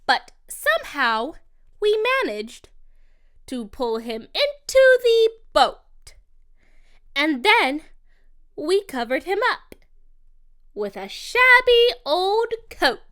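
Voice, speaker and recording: A woman reading a rhyming children's picture book aloud as narrator, in a slow, expressive, sing-song delivery. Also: very high-pitched. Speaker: storybook narrator.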